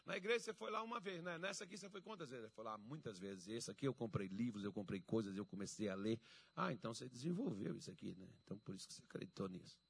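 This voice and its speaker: A man from Minas Gerais preaching a sermon, acting out quotes with loud shouts and poking fun at himself. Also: medium pitch, lively intonation, fast, creaky, breathy edge. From Minas Gerais, Brazil. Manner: self-mocking, laughs at himself.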